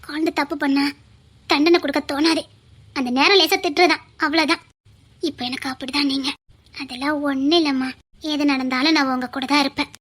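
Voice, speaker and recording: An actress playing a gentle young wife in a TV drama, speaking softly and reassuringly. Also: female voice, sits high, steady tone, a little fast. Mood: tender. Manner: soft, tender and reassuring. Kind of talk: TV serial acting.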